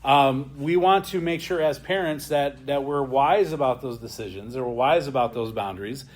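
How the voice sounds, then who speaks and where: A man's voice: medium pitch, moderate pace. A man teaching an adult church class in a plain, conversational way. He often adds a questioning "right?" as he talks.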